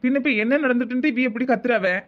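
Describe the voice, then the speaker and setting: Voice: mid-range voice, fast, highs cut off, lightly acted. A voice actor playing a grown son, a defensive, work-shy drinker in a cartoon drama. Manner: sulky, defensive retorts.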